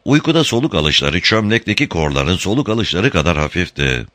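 A man narrates a novel as an audiobook, very deep yet bright in tone. His delivery is expressive and swings widely in pitch. The recording is dry and close. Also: fairly quick, dry recording.

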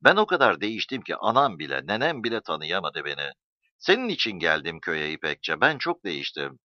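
A man's voice: deep voice, sing-song, brisk, dry recording. A man reading a story, voicing a changed young man who speaks earnestly and heavily. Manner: earnest, heavy sighing. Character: young man returned home changed, brooding. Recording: dull dry recording.

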